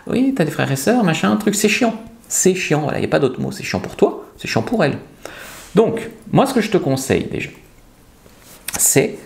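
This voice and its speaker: A man giving dating advice straight to camera, with a lively voice that swings up and down in pitch. He is blunt and emphatic, and sometimes acts out nervous or confident pickup lines. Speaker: seduction coach. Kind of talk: direct-to-camera advice video.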